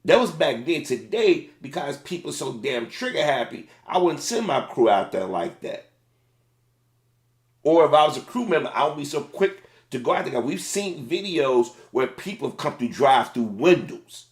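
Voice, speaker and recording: A middle-aged man, a former fast food manager, giving casual, plain-spoken commentary on a video. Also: on the high side, big pitch swings, roomy sound.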